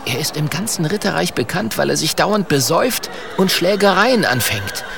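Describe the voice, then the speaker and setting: Man doing a high eager young knight. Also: big pitch swings, slow, crowd noise, exaggerated voice. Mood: earnest urgent. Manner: high agitated voice.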